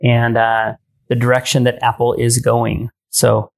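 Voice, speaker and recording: A man co-hosting a tech podcast, talking casually in a rambling, hesitant way with many pauses and frequent laughs. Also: medium pitch, monotone, gravelly. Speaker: podcast co-host.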